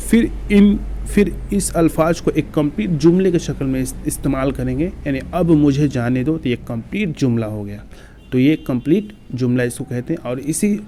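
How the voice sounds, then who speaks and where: Mellow-voiced male teacher explaining step by step. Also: mid-range voice, slight background noise. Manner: patient step-by-step explaining, reciting lists. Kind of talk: exam-prep grammar lesson.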